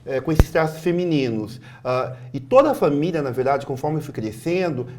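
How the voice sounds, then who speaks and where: A man from Sorocaba, a guest recounting his life in a halting interview, with many fillers and soft trailing endings. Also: fairly high pitch, expressive, background noise. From Sorocaba, Brazil. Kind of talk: personal testimony in an interview.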